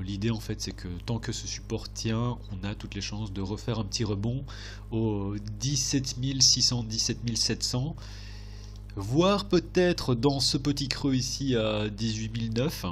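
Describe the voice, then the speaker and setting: Low-voiced man with a stuffy, blocked nose. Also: unhurried, slight background noise. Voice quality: nasal, stuffy. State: congested blocked nose and sore throat. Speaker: host of a crypto chart analysis video. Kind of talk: casual technical commentary over charts.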